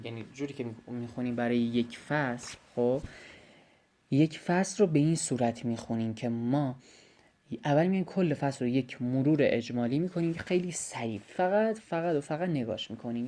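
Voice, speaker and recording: This biology study tutor, a young man with a mid-range, slightly mellow voice, sends a recorded voice-message lesson. He breaks the material into steps, repeats key phrases, and addresses his students directly.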